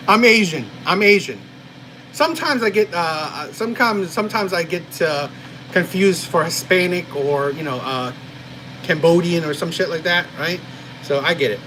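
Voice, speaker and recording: A man's voice: a little high, expressive, a little slow, pushed and bright, slight background noise, low-quality recording. A man from New Jersey hosting a casual live stream and chatting with viewers, rambling with lots of "right?" and "you know". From New Jersey, USA. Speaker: live-stream host reading chat.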